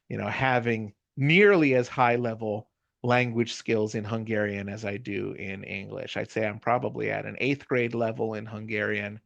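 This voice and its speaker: With a medium pitch and noticeable vocal fry, this middle-aged Californian-accented university lecturer from the United States chats his way through a conversational lecture. He keeps it casual, often checking in with listeners through "you know" and "right?" The recording has no room sound.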